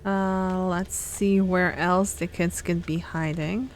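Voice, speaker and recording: A woman giving casual let's play commentary, unhurried and thinking aloud as host. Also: lowish voice, fairly even intonation, slight background noise.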